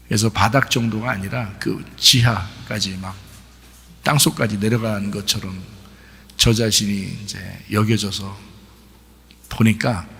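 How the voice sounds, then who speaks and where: A middle-aged man preaching a sermon as pastor, talking in a relaxed conversational way with many fillers. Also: fairly low pitch, gravelly, breathy edge. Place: church sanctuary. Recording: long church hall reverb.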